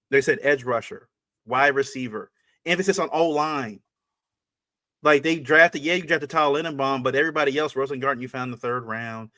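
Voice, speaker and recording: Guy on a sports podcast, casual chat, keeps hammering the same point, lots of restarts, medium pitch. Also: bright, forceful tone. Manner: emphatic, repeats points, frequent restarts.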